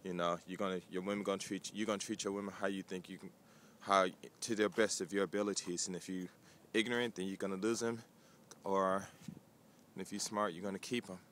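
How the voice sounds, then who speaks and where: A man talks casually to the camera in a fairly low voice, rambling and filling gaps with "you know" and "um." He is recorded outdoors on a city street, with faint traffic and ambient noise behind him. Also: steady tone, brisk, a bit bright. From United States. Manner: conversational, rambling with many fillers. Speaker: vlogger.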